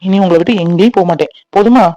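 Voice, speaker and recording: A man's voice: sits high, rapid-fire, mellow, dry recording, lo-fi sound, natural voice. A man acting in a family skit as a brother who soothes his crying sister and hesitates with his father. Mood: soothing. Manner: soothing, reassuring.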